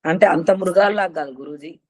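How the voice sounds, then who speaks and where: A man in a class speaks to his teacher quickly and respectfully. His voice is a little higher than most. The recording is dry. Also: no room sound. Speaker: participant in a class.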